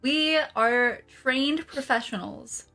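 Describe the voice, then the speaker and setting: Woman host, fairly high and crisp-edged bright tone, giggly casual banter, faint music underneath. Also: slow pace. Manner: jokey, giggly, mock-professional. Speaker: livestream host. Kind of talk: casual comedic livestream chat.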